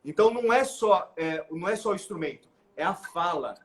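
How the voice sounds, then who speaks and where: A middle-aged man with a Brazilian Portuguese accent, explaining his views as the guest of a live interview, animated and full of "né?" tags and restarts. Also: high voice, a little fast. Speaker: guest expert.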